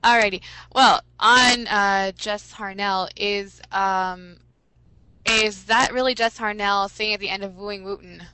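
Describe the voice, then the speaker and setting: A woman's voice: medium pitch, steady tone, measured pace, bright, forceful tone, smooth, no room sound, low-quality recording. A woman hosting a casual podcast, reading listener questions aloud in an upbeat way.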